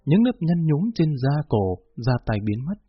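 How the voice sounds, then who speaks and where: Guy narrating a novel, steady and measured, husky voice, muffled lo-fi audio with faint music. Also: a little high, no echo.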